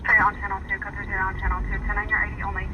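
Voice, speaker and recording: A man's voice: sits high, completely flat delivery, rapid-fire. A man working as a police dispatcher, heard over a scanner radio and speaking in clipped radio codes. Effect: police scanner radio transmission. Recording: distant lo-fi scanner radio with heavy noise.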